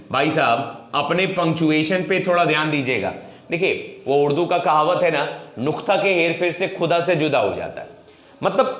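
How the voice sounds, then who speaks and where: A male teacher giving a grammar lesson at a board, asking and answering his own questions and slowly dictating example phrases. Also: a little high, fairly bright tone. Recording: echoey room.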